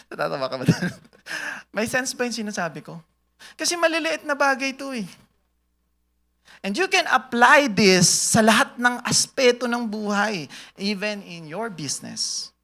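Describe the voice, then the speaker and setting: A man's voice: sits high, very animated, a little slow, creaky, long pauses, bright, forceful tone. A man giving a sermon-style talk to an audience, joking and laughing at his own jokes, quizzing listeners and mixing Tagalog with English. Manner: switches between Tagalog and English mid-sentence. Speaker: church speaker at a business talk.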